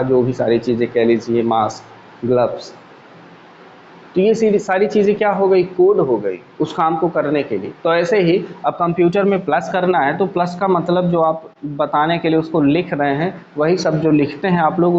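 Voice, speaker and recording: Guy teaching a computer class, kinda high voice, echoey lo-fi room. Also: darkish tone. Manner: explains step by step with everyday examples, asks the class questions. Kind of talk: classroom lecture. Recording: echoey room, dull lo-fi sound, faint hum.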